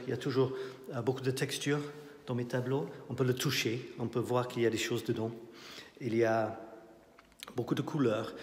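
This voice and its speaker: A man's voice: medium pitch, darkish tone. Middle-aged male artist, English accent, hesitant tour-guide delivery; phone-held, reverberant gallery. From not French. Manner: hesitant, many fillers and restarts, thinking aloud. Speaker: artist giving a tour of his exhibition. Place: indoor art gallery. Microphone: handheld phone at arm's length, walking. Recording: roomy gallery with long echo.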